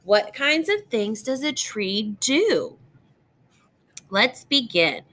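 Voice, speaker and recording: A woman teacher reads a picture book aloud to young children with expression and clear enunciation, pausing to explain things and ask questions. Her voice is on the high side.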